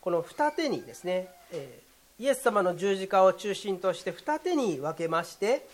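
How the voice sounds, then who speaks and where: A pastor delivering a sermon in a measured, formal way, with occasional short fillers. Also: medium pitch, very animated.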